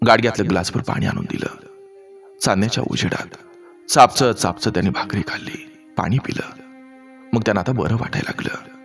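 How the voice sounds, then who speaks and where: A man narrating a village story in a measured, descriptive way. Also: fairly low pitch, fairly bright tone, faint music behind.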